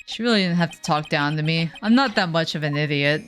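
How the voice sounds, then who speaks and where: A woman's voice: deep voice, animated, a little fast, fairly bright tone. Woman, streamer, reading game text aloud, wry, chatty, faint game music.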